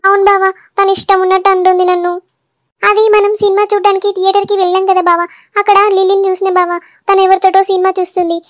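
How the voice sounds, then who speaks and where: A squeaky young cartoon wife. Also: female voice, little pitch movement. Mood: hurt, sulky. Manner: chipmunk-high cartoon voice, rapid and sulky. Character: young wife, sharp and easily hurt.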